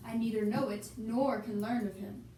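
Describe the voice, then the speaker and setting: A woman's voice: on the high side, steady tone, normal speed, warm tone, lightly acted. A woman voicing a worried old noble father, reciting verse in an amateur Shakespeare puppet show. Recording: echoey room, distant mic, background hiss.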